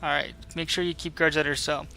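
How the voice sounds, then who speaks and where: A man's voice: on the high side, level tone, fairly quick, creaky, pushed and bright, smooth. A man giving casual playthrough commentary on a video game, musing aloud. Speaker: gamer, video host.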